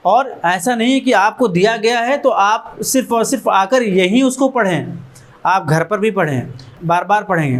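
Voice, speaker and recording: A man who founded an education trust gives an earnest motivational talk to students in a learning centre room, urging them on in strings of short repeated phrases. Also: high-pitched.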